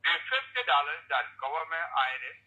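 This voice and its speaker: A man's voice: fairly high pitch, very animated, normal speed, bright, forceful tone. A man, calling a radio show by phone while he drives. He argues earnestly and stumbles into repeated restarts. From Liberia. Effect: calling in by phone while driving a car. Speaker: radio call-in caller. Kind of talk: call-in commentary. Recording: muffled phone line from a car.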